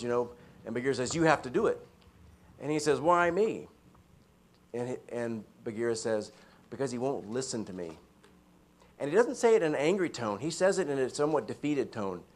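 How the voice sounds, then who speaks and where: Male workshop presenter, mid pitch, chatty lecture style, keeps checking in with the room. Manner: conversational, asks audience "right?" often. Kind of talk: lecture to a live audience.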